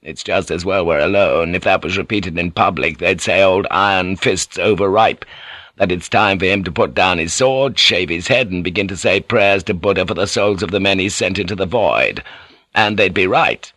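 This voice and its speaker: For an audiobook, a man voices a shrewd old warlord, gruff and testy, whose speech comes out blunt, irritable and weary. He uses a low, sharp-toned voice at normal speed, recorded with no echo.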